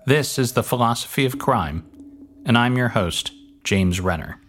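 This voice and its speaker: A man's voice: mid-range voice, expressive, moderate pace, background noise. A man hosting a podcast, reading scripted narration in a dry, wry way with casual swearing. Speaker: podcast host. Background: faint music.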